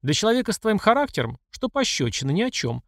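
A man's voice: high voice, big pitch swings, fast, no echo, studio quality, pitched above the performer's own voice. A man voicing a furious middle-aged emperor who scolds and accuses his mother. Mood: angry. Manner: angry and accusing.

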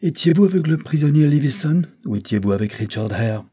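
Man doing a loud strict old judge, raspy, yelling questions at a witness. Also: medium pitch, a little fast, no echo, clean studio sound, voice pushed up. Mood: stern. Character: stern, rattled old male judge.

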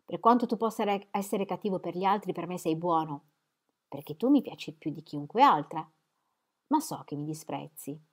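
A woman voicing an idle, proud young man in an audiobook, in a relaxed, slightly sulky tone close to her own voice. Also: fairly low pitch, normal speed. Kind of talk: audiobook reading.

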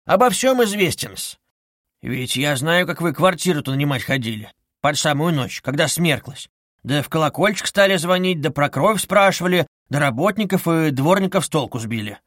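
A man's voice: fairly high pitch, expressive, normal speed, a bit bright, dry recording, studio quality. A man voicing a sly, fawning middle-aged male investigator who wheedles and needles with ingratiating asides. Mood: insinuating.

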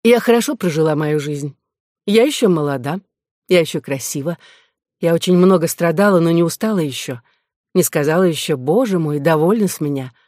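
In a classic audiobook reading, the narrator takes on a worldly courtesan sister who scolds and lectures, sharp and reproachful, proud of her life of pleasure. The voice sits at a middle pitch, close to everyday speech, with lifts of emphasis and a brisk pace. The recording is dry and close, with no room sound.

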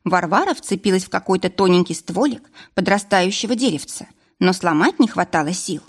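Expressive woman reading an audiobook. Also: lowish voice, brisk. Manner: expressive, lively storytelling. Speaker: audiobook narrator. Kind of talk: audiobook narration.

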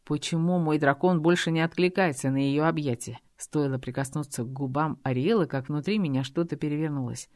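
A woman narrating an audiobook in an even, measured first-person reading. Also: deep voice, dry recording, studio quality.

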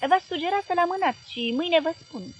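A man's voice: extremely high pitch, expressive, faint music behind, voice pushed up. A woman reading an earnest young journalist. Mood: urgent.

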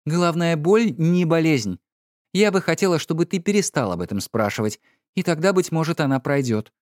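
A man reading an audiobook, voicing an irritable, distraught young noblewoman with sharp, exasperated outbursts. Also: on the high side, expressive, moderate pace, no room sound, studio quality, pitched above the performer's own voice, natural voice.

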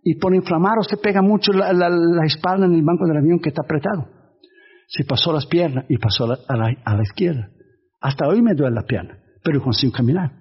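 A man preaching a sermon as a pastor, telling animated stories and imitating sounds. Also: a little high, a little fast, breathy edge, dull audio.

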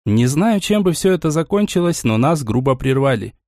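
A man narrating a first-person audiobook in an expressive storytelling manner. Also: fairly high pitch, normal speed, no room sound, clean studio sound.

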